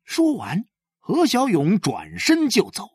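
Husky man reading a story expressively. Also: takes it slowly, no room sound. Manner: lively, expressive reading that swings widely in pitch. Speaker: audiobook narrator.

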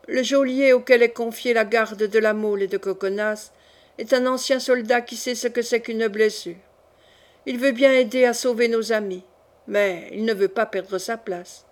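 A woman reading the part of a bold, playful young duchess who plots a rescue, in a brisk, teasing, conspiratorial way. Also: on the high side, fairly even intonation, close to an everyday voice. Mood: explaining.

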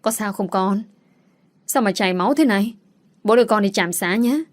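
A woman voicing a protective older father who cares deeply for his daughter in an audio story. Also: normal speed, natural voice. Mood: worried. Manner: fatherly, caring, then cursing in rage.

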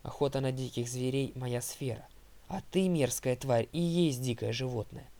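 A man voicing a calm, haughty girl who leads the huntresses and speaks with measured, imperious authority in a storybook reading. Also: mid-range voice, gravelly, natural voice.

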